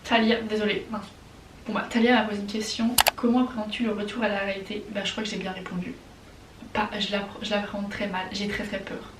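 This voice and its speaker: A woman's voice: mid-range voice, quick pace, distant mic, noisy background. Chatty young Frenchwoman in a roomy space. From France. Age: young adult. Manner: chatty and excitable, slangy. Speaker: vlogger. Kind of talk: casual Q&A vlog.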